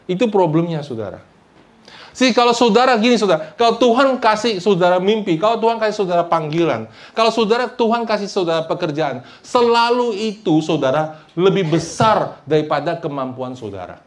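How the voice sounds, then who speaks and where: A male pastor delivering a sermon, often calling out to his listeners and asking for amens, and mixing English phrases into his talk. He rises loud for emphasis, then drops low and soft. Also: animated, a little fast. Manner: preaching with frequent calls of "saudara" and "amin", mixing in English phrases.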